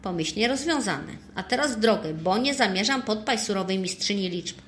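A woman voicing an eager little male elf truant in a storybook, excitable and thinking aloud. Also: medium pitch, moderate pace, a little hiss or hum, close to an everyday voice. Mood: determined. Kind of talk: storybook character voice.

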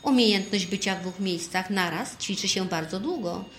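A woman voicing a strict but proud female master of numbers in a storybook, calm and matter-of-fact. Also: medium pitch, normal speed, roomy sound, natural voice.

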